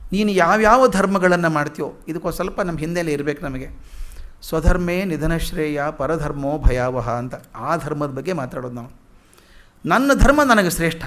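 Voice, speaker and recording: An older man gives a spiritual discourse, chanting verses slowly and then explaining them in a conversational way. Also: sits high, fairly bright tone. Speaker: spiritual lecturer.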